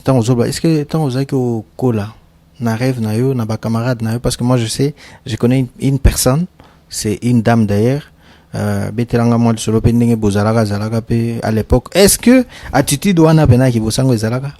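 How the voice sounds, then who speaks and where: A man with a Congolese French accent hosting a TV interview, asking questions in a lively way and switching between French and Lingala. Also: medium pitch, brisk, no echo. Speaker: TV journalist, host. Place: TV studio.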